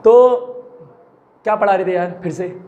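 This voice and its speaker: High-voiced animated male physics teacher. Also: normal speed, phone-quality sound, a crowd in the background. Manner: animated, coaxing, often shouts and jokes with students. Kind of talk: energetic classroom lecture.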